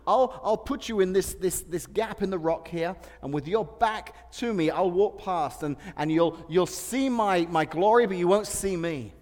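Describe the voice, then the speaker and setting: A man voicing God as a stern holy deity, speaking earnestly and halting with repeated words, in a long-echoing hall. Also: high voice, darkish tone, natural voice. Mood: solemn.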